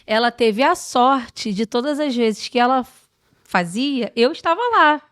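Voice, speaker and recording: A woman guest on a podcast, telling stories in a lively, expansive way in casual chat. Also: fairly high pitch, unhurried, dry recording, clean studio sound.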